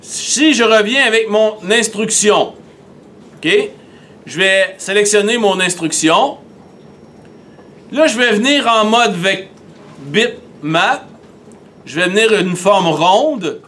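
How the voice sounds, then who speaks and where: Québécois man, fairly high voice, patient step-by-step screen tutorial, faint background noise. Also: lively intonation, takes it slowly, pauses often, bright, forceful tone. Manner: methodical, step-by-step, talks through each click. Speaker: teacher. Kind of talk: screen-recorded software tutorial.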